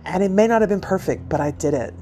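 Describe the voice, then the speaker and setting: Chatty, self-deprecating woman, slightly low voice. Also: animated, quick pace, mellow, faint music behind. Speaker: podcast host. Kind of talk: casual personal storytelling.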